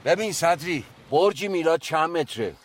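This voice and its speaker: A man's voice: fairly high pitch, animated, faint music behind. A stubborn bankrupt father. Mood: defiant. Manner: stubborn, insistent, raises his voice. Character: stubborn bankrupt father, middle-aged merchant. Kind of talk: TV drama acting.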